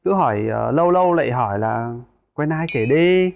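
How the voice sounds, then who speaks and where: Fast-talking man. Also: fairly high pitch, animated, creaky, dull audio, a little hiss or hum. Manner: rapid, repeats words for emphasis. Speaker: dating show guest. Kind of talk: casual talk show chat.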